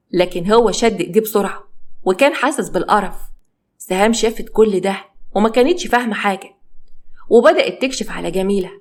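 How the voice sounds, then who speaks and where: Egyptian woman narrator for dramatic audio stories, mid-pitched and quick. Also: darkish tone. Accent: Egyptian Arabic. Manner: brisk, storytelling. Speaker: storyteller.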